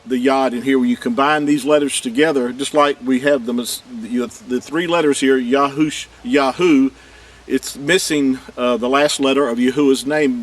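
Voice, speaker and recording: A man teaching an evening Bible lesson on Hebrew word roots. He explains methodically, points at letters on screen and repeats his key points for emphasis. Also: medium pitch. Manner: stresses points with repetition. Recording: voice picked up from a distance.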